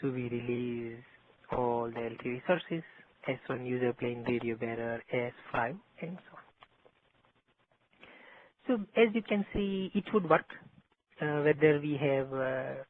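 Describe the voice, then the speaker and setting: A man giving a methodical technical lecture, heard over a landline phone as an instructor explaining step by step. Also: medium pitch. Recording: tinny landline phone line.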